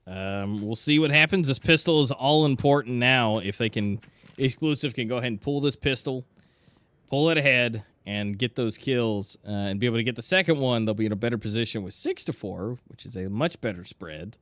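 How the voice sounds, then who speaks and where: A man's voice: mid-range voice, fairly quick, a bit bright, no echo. A man commentating an esports match live, casual and exclamatory, mixing reactions with conversational analysis. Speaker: esports caster.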